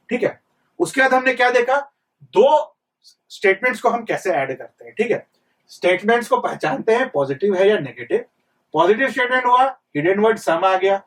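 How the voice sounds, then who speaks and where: A man's voice: sits high, far from the mic. A young man teaching an exam-prep reasoning lesson, repeating points and quizzing students with rhetorical questions. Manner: mixes English terms into Hindi speech.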